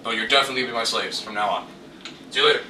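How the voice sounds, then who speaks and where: A man's voice: medium pitch, racing, close to an everyday voice. Man playing Prospero, casual schemer, echoey and distant. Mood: smug threatening. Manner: casual, hesitant, matter-of-fact. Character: Prospero, deadpan scheming former master, casually blackmailing. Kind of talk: improvised comic mockumentary. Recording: distant, echoey mic with noisy ambience.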